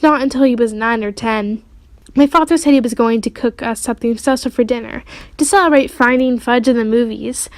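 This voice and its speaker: A woman reading a children's chapter book aloud with expressive storytelling. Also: a little high, no echo. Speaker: audiobook reader.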